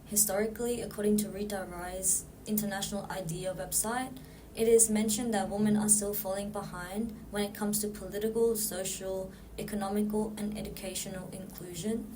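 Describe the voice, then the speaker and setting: A woman's voice: medium pitch, fairly even intonation, normal speed, noisy background. A woman from Nepal, a student presenter reading her prepared answers in a podcast, earnest and note-bound.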